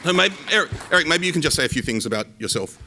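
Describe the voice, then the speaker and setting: A man's voice: on the high side, lively intonation, very fast, a crowd in the background, noisy background. A man instructor welcoming an audience to a conference workshop in a chatty, upbeat way, slightly losing his voice. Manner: chatty, upbeat, self-deprecating asides. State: losing his voice, talking around a lozenge. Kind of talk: workshop introduction to a live audience.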